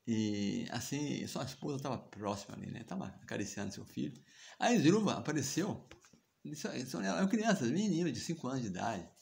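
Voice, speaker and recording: Man, Brazilian accent, casual storytelling, chatty, gravelly, mid pitch. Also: sing-song, fairly quick, darkish tone. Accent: Brazilian Portuguese. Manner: chatty, frequent tag questions and chuckles. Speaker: devotional teacher.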